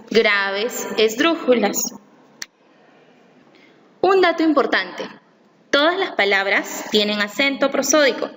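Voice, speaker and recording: A woman reading a scripted lesson aloud, slowly and carefully, stressing each syllable she explains. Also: on the high side, a bit bright. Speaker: teacher. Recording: long reverb, faint room noise.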